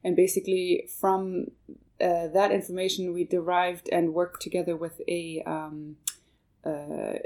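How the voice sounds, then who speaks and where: A guest who manages a marketing project gives interview answers; she grew up in Canada and her first language is German. She speaks low, with a gravelly fry and a dark, mellow tone, flat and unhurried. Her answers run long and hesitant, full of fillers and restarts.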